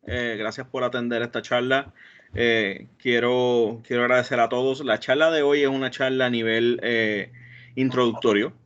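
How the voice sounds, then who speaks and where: A man's voice: mid-range voice, fairly even intonation, normal speed, fairly bright tone, clear, resonant tone. Hesitant man on a video call. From Puerto Rico. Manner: hesitant, many fillers and restarts. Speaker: database administrator giving a talk. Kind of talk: online technical presentation. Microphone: computer mic on a video call. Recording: dull lo-fi video call audio.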